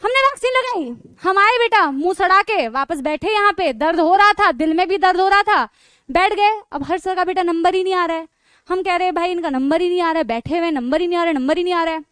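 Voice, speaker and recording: A woman teacher with a very high voice tells her class a funny story. She is chatty and lively, checks in with the students again and again, and laughs along the way. Her voice sounds dry and close, with no room echo. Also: a little fast. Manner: animated, chatty, keeps calling the students "beta" and checking with "theek hai"; breaks into laughter while telling the story. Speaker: online teacher.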